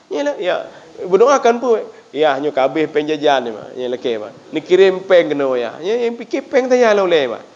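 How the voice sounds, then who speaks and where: A man's voice: on the high side, normal speed, hardly any pauses, slight background noise. A man with an Acehnese accent preaching a sermon in a prayer room, telling stories animatedly and addressing listeners directly. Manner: lively, animated storytelling, often addressing listeners as "Pak". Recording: dull lo-fi sound.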